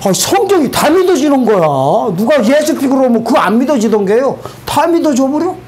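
A man giving a spoken testimony to a church congregation, animated and colloquial, asking the audience rhetorical questions. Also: extremely high pitch, moderate pace.

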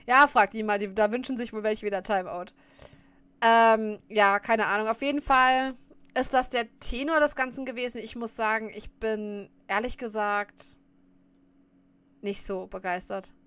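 A woman's voice: a little high, unhurried, fairly bright tone, clear, resonant tone, no echo. A woman streamer chatting casually while reacting to a clip, often laughing and scolding her viewers.

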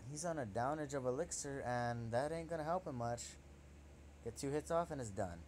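A young man giving excitable, trash-talking commentary over his own gameplay, swearing at his opponent as he plays. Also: medium pitch, moderate pace, a little hiss or hum. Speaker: gaming channel host.

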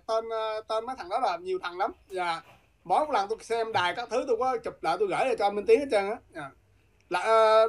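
A woman's voice: on the high side, darkish tone. A woman from Vietnam, a guest talking politics in a heated, combative way and repeatedly challenging her listeners.

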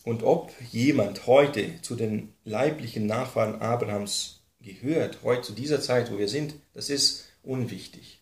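Male Bible teacher, mid-pitched, patient explainer with frequent fillers, roomy echo. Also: unhurried, few pauses. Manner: explains step by step with many fillers and tag questions. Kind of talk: Bible class lecture. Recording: echoey room.

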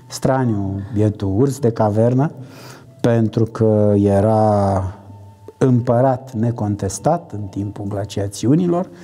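A man's voice: lowish voice, dark tone, slightly rough. A man in his sixties from Romania, a native Romanian speaker, explaining things unscripted as a researcher. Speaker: cave researcher.

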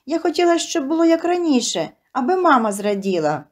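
A woman's voice: high-pitched, very animated, a little fast, pitched above the performer's own voice. A woman voicing a shy, tearful little girl who pleads between sobs in an audio story. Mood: tearful pleading. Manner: sobbing, pleading.

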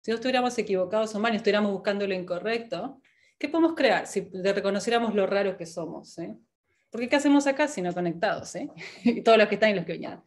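A woman's voice: medium pitch, expressive, fast. A woman leading a coaching workshop. She asks one rhetorical question after another and laughs often. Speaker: workshop facilitator.

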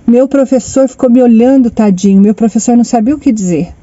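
Middle-aged woman, very mellow dark tone, chatty phone vlog from a car, slightly muffled sound. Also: on the high side, quick pace, no room sound. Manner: chatty, repeats phrases, addresses viewers fondly. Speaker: vlogger. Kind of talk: personal storytelling to camera. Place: inside a parked car in the sun. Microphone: phone camera.

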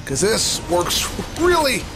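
A man's voice: high voice, big pitch swings, takes it slowly, gravelly. Gamer guy doing a playthrough, playful muttering, takes his time, game music behind him. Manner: playful, self-amused muttering with mock-villain boasts. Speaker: gaming YouTuber. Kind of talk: casual playthrough commentary. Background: video game music and action.

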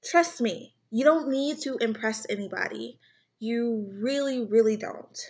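A woman's voice: on the high side, a little slow, darkish tone. A young woman vlogger talking earnestly and rambling to camera about self-acceptance, near tears at times. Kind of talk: personal talk to camera.

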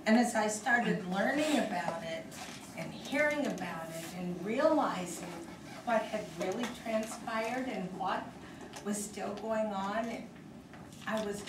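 Woman, unhurried testimony speaker, far from the mic in a roomy hall. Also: mid-range voice, noisy background. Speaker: speaker sharing her story. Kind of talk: personal testimony to an audience.

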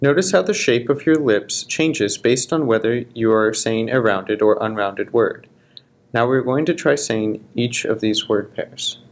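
Slow deliberate male language teacher. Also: medium pitch. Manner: slow, deliberate, careful articulation. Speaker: language instructor. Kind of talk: scripted pronunciation lesson.

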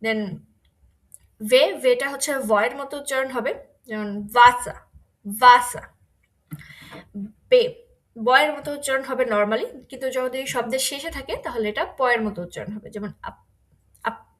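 A woman teaching German pronunciation in an online lesson, saying each example word again, louder. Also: sits high. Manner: slow, repeats example words loudly.

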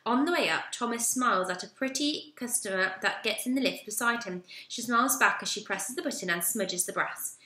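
A woman reading a children's storybook aloud in a lively, expressive way. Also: fairly high pitch, brisk, few pauses. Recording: roomy echo.

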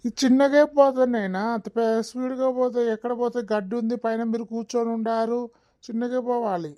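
A cautious village cart driver, played by a woman, who shouts to the bullocks and chides the children. The voice sits a little high and sounds mellow and warm. This is a rustic comedy skit. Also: fairly even intonation, a little fast, lightly acted. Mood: calm.

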